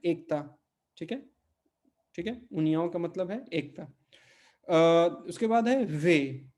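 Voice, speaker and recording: A man teaching a Portuguese pronunciation lesson, repeating each word slowly and checking in with his listeners. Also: fairly high pitch, dark tone. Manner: patient, repeats words slowly and checks with "ठीक है?". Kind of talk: spoken language lesson.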